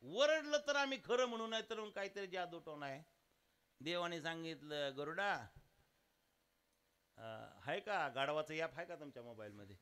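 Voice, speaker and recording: A man's voice: a little high, moderate pace, clear, resonant tone. A man with a Marathi accent preaching a devotional kirtan, telling a story and acting out village voices. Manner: animated storyteller, acts out village voices, breaks into sung verses. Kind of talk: devotional sermon storytelling with song. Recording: live outdoor sermon with accompanying music.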